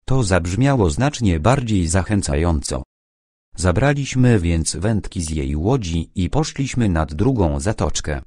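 A man narrating a first-person audiobook in a calm, measured way. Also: sits low, no room sound, clean studio sound.

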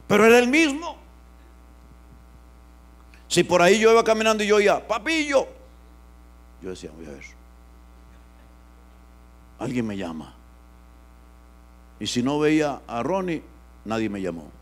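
A man pastor, preaching an animated sermon that swings from loud outbursts to hushed asides. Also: medium pitch, moderate pace, long pauses.

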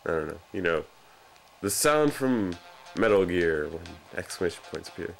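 This young man's let's play commentary is joking and self-deprecating, delivered in a low, gravelly, very animated voice at a moderate pace. Game music runs underneath.

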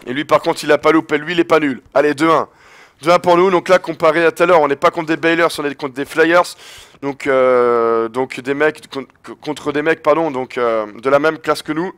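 A man giving excited live commentary over a basketball video game as the host of his channel, his voice worn from shouting, breaking into triumphant yells. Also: on the high side, normal speed, clean tone.

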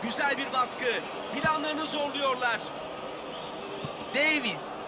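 A man playing an excitable football commentator in a video game, calling the match in short clipped phrases. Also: extremely high pitch, slow pace, a loud crowd. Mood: focused. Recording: loud stadium noise behind voice.

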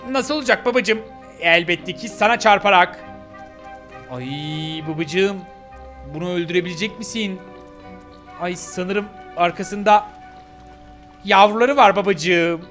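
A man's voice: sits high, unhurried, long pauses, fairly bright tone, faint music behind. A man voicing a sweet little ghost puppy girl in a gameplay role-play, pleading and childlike as she keeps calling her father "daddy". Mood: whiny.

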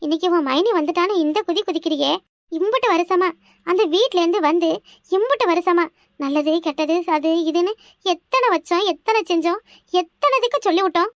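A woman voicing a proud, sharp-tongued old village mother-in-law in a cartoon, scolding with rapid-fire questions. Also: very high voice, lively intonation, dry recording, clean studio sound. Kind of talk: cartoon voice acting.

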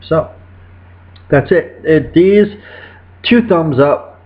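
A man's voice: mid-range voice, a little hiss or hum. A man in his thirties chatting casually while reviewing snacks at home, rambling and correcting himself, recorded on a webcam indoors. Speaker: food reviewer. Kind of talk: casual food review vlog. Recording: dull lo-fi webcam audio.

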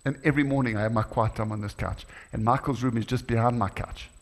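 A middle-aged man preaching a sermon in a church, animated, rising to exclamations and acting out dialogue. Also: medium pitch, fast. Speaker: guest preacher. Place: church hall. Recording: church hall with long reverb.

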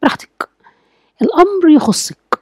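A woman's voice: extremely high pitch, big pitch swings, normal speed, mellow, dry recording. An Egyptian woman giving a chatty advice lesson to wives, acting out sample talks with a husband. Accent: Egyptian Arabic. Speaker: religious and marriage advice teacher. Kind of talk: casual spoken lesson to wives.

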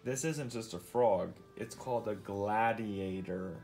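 A man reads a nonfiction picture book aloud to his child, stopping to explain things and ask questions along the way. His voice is fairly low and darkish, a little slow, with faint music in the background.

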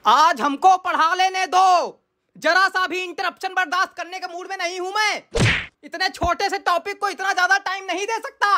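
A woman's voice: sits high, lively intonation. A woman voicing an irritable male math teacher who scolds and snaps at his online class. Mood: irritated. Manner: exasperated, scolding, quick to snap. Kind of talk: comic sketch acting. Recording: clear background noise.

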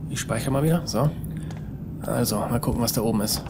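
A man's voice: medium pitch, brisk. Fretful man muttering through a game. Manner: mutters to himself, fretful sighs. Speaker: let's player. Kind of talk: casual gameplay commentary. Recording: audible background noise.

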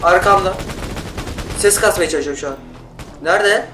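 Man, high voice, excitable gameplay commentary, roomy off-mic sound, loud game music and gunfire behind. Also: moderate pace, distant mic. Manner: excitable, yelling in bursts during fights; talks to other players and teammates. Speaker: gaming YouTuber.

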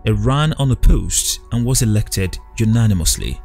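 A man narrating a news documentary in a measured, even reading voice. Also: on the low side, creaky, soft background music. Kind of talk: scripted news voice-over.

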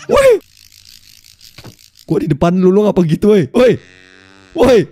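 Excitable high-voiced young man gaming. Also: moderate pace, slightly rough, no room sound. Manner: excitable, shouting and yelping at the game; slangy banter with a teammate. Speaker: gaming YouTuber. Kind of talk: let's play commentary.

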